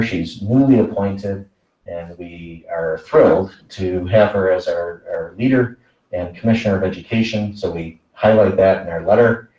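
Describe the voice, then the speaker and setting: Deep-voiced man presenting in an echoey room. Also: warm tone, distant mic, muffled recording. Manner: measured, many fillers. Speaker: school superintendent. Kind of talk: presenting a report at a board meeting. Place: meeting room.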